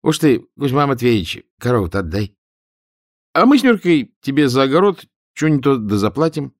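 A man's voice: medium pitch, big pitch swings, moderate pace, no room sound, studio quality, voice pushed up, lightly acted. A man voicing a simple-hearted young village soldier who reasons in a folksy, colloquial way. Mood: persuading.

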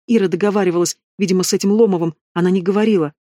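A scared young woman, as a male reader puts her on in an audiobook, who still answers back. The male voice sits fairly high, and the recording is dry and close. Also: steady tone, racing, dark tone, no echo, natural voice. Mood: defiant. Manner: shaken, snapping back. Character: frightened defiant young woman. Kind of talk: audiobook reading.

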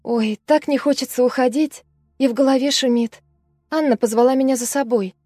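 A shaken young student girl relives a terrifying night, voiced by a woman reading the story. Her voice is fairly high, fragile and breathless, caught close and dry. Faint music plays behind. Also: a little fast, warm tone, no room sound. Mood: dreamy recollection. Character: frightened young female student recalling a trauma.

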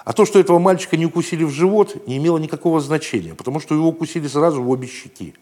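A man reading a children's story aloud in a gentle, playful storytelling manner, raising his voice for the shouted lines. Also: fairly high pitch, expressive, racing. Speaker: narrator.

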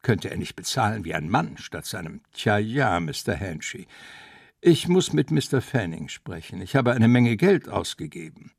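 A man's voice: on the low side, very animated, normal speed, gravelly, husky, no room sound, exaggerated voice. A man reading out a grumbling middle-aged canvasser who gossips with scorn about a stingy man. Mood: scornful. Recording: dry close studio sound.

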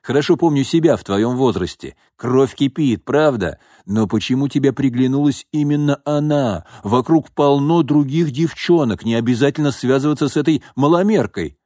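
A man's voice: mid-range voice, moderate pace, hardly any pauses, a little mellow, no room sound, clean studio sound, pitched above the performer's own voice, close to an everyday voice. A man reading a story and voicing a domineering, scheming older father who talks bluntly and mockingly. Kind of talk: audiobook reading.

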